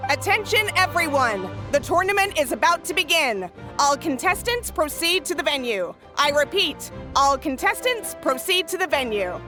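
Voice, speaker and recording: An actress voicing a female tournament announcer calling out through a megaphone in a loud, formal public announcement. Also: high voice, very animated, normal speed, hardly any pauses, faint music behind, full character voice. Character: young adult female tournament announcer, brisk and official.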